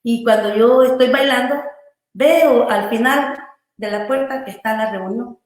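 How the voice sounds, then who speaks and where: A woman pastor tells her life story in an interview, rambling earnestly and tagging questions onto her sentences. Her voice sits a little high for a woman. The room around her rings with heavy echo. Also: measured pace. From Honduras. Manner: earnest, loose storytelling with frequent "¿verdad?" and "hermano" tags. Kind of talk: telling a personal testimony in an interview. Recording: very echoey room.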